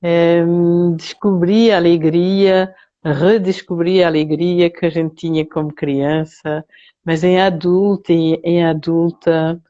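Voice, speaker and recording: An older woman from France, a guest on a live video interview, recalling her story slowly and with hesitations. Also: fairly low pitch, steady tone, warm tone, muffled recording. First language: French. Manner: slow, hesitant and reflective. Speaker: guest therapist.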